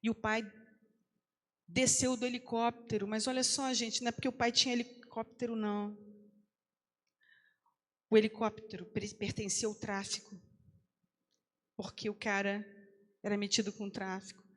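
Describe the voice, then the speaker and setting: A woman's voice: medium pitch, level tone, moderate pace, long pauses. A woman pastor telling a testimony in a sermon, acting out the voices in the quoted lines. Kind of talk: sermon storytelling. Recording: long hall reverb.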